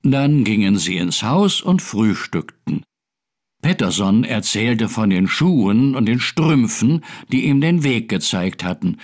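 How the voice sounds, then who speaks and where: A man narrating a children's story in a computer game, reading gently and expressively. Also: lowish voice, big pitch swings, measured pace.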